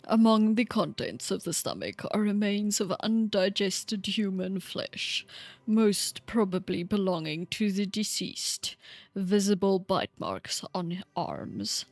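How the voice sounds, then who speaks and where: A woman putting on an old male scholar's voice to read grim research notes aloud in a slow, measured way. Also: medium pitch, expressive, no echo. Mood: clinical. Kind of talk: reading in-game notes aloud in a put-on voice.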